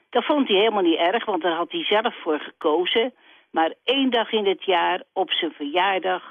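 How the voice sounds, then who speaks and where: A woman's voice: lowish voice, no room sound. Woman caller on a tinny phone line. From Netherlands. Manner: plain, steady storytelling. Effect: heard over a telephone line. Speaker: radio call-in caller. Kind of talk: telling a story on a call-in show.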